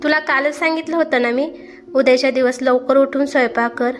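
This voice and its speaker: A woman's voice: high-pitched, steady tone, fairly quick, faint music behind, natural voice. A woman voicing a hardworking young farmer husband who scolds his wife sharply, in a storybook reading. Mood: scolding. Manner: stern and scolding.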